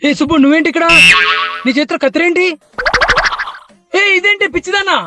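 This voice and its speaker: A woman's voice: medium pitch, very fast, close to an everyday voice. A woman playing a bearded young male cousin in a comedy sketch, teasing and mischievous, with music behind.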